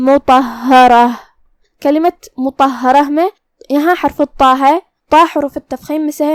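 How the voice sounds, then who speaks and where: A woman with a high voice teaches recitation rules, explaining each letter patiently and step by step. She slows down to demonstrate words one at a time. The recording is dry and close, with almost no room sound. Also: a little mellow, no echo. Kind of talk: tajweed lesson with slow demonstrations.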